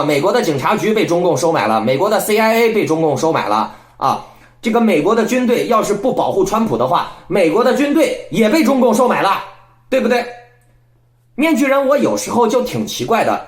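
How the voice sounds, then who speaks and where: A man delivering political commentary as the host of his own channel, speaking a little high and swinging his pitch up and down in a lively way. He lectures and scolds, keeps turning to his listeners to ask if they agree, and sounds like he is in an echoey room. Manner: rhetorical, keeps asking listeners "right?".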